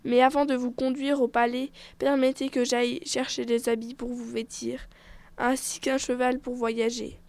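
A woman's voice: a little high, little pitch movement, normal speed, a little mellow, natural voice. A woman voicing an earnest young prince who murmurs tenderly to his bride.

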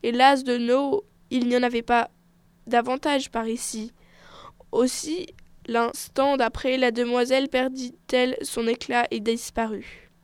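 High-voiced woman reading a fairy tale. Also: smooth, dry recording. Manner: expressive, measured storytelling. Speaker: storyteller.

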